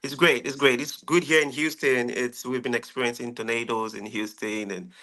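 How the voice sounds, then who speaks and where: A man's voice: mid-range voice, fairly even intonation, normal speed, pushed and bright. A man in his thirties from Nigeria with a Nigerian accent, chatting easily as a guest on a radio interview show, often laughing. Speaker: guest musician.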